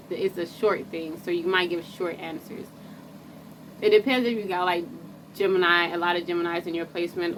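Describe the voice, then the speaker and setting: Woman, casual slangy vlog chat, rambling, self-interrupting, monotone, noisy background with traffic. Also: lowish voice. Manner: loose and rambling, breaks off and restarts, laughs at herself. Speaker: astrology vlogger.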